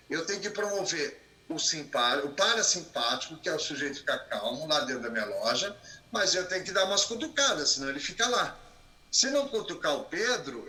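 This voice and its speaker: Male speaker, high and very bright voice, expressive lecture delivery in an echoey room. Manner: expressive, plays with rising and falling voice. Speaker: guest speaker. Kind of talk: animated lecture on a live stream.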